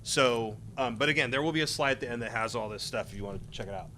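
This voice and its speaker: Middle-aged male panelist, rambling storyteller, bright tone. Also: mid-range voice, fast, slight background noise. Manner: rambling anecdotes with many fillers. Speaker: former game tester, panelist. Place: convention panel room.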